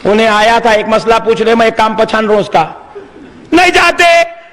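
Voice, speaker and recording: A man with a Deccani Urdu accent preaching an impassioned, rhetorical sermon that bursts into shouting, to a large religious gathering. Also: high voice, flat delivery. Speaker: Islamic preacher. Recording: long hall reverb over loudspeakers.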